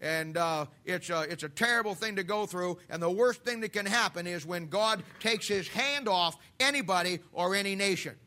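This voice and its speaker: A man's voice: high voice, moderate pace, hardly any pauses, sharp tone. A man in his fifties preaching a sermon in church, impassioned and folksy, with repeated phrases and homespun asides. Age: 50s. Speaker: pastor.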